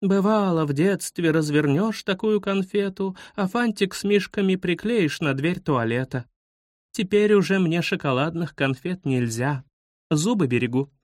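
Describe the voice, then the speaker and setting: A man's voice: sits high, unhurried, dry recording, clean studio sound. A man voicing a woman schoolteacher in a storybook reading, stern but dreamy.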